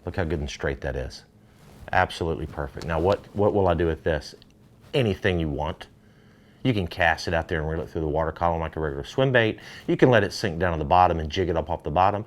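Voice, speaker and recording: A middle-aged man, hosting a fishing gear demo in an energetic, salesy way. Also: low-pitched, quick pace. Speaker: fishing show host. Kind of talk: product demo talk.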